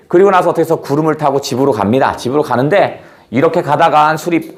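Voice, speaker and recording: Casting note: a lively teacher in a classroom, expressive and fairly high-pitched. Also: male voice. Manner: animated, quizzes students with questions. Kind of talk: storytelling lesson.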